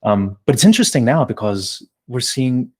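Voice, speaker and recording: A man's voice: medium pitch, animated, normal speed. A man from New Jersey hosting an interview podcast, asking long winding questions with many fillers. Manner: discursive, wordy, many fillers. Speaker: podcast host.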